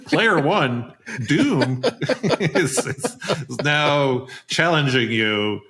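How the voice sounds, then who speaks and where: A man's voice: mid-range voice, expressive, drawn-out words, pushed and bright. A man hosting a podcast interview, playful and joking, asking long, rambling questions. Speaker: podcast host. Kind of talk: casual conversational interview.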